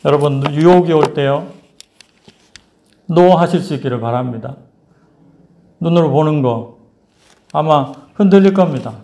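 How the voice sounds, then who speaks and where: A male pastor preaching a sermon, telling a story in a lively, playful way. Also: on the high side, normal speed, long pauses, a little hiss or hum.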